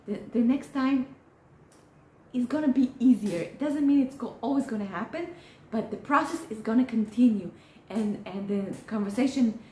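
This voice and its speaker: An earnest, mellow therapist who grew up speaking Hebrew addresses the camera with advice in a mid-range voice. Encouraging but halting, she restarts often. Her recording has a roomy echo and slight background noise.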